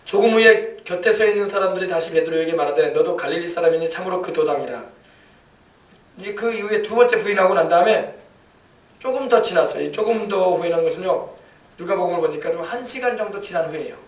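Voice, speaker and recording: A man preaching a sermon as pastor of a church, animated and acting out the quoted lines with rising emphasis. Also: sits high, fast talker. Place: church sanctuary. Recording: echoey church hall, mic at a distance.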